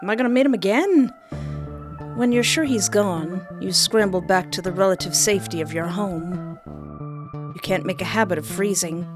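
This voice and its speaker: With game music in the background, a female video game streamer narrates her playthrough of a dating simulator. Her mid-range voice moves at a normal pace as she alternates between reading text aloud and playful, exclaiming reactions.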